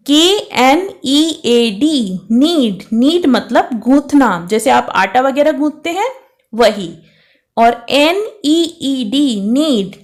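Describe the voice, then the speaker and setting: Female teacher, high and unhurried, explaining words patiently. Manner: spells words letter by letter, keeps asking "ठीक है?" with a rising tone. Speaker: English teacher. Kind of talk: explaining vocabulary lesson.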